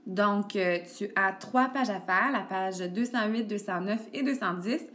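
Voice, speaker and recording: A woman teacher walks a child through a grammar lesson. She is patient and steady, full of little "ok"s and "donc"s. It is recorded on a tablet screencast. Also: mid-range voice, a little slow. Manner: patient, addresses the child directly with frequent "ok" and "donc". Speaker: elementary school teacher.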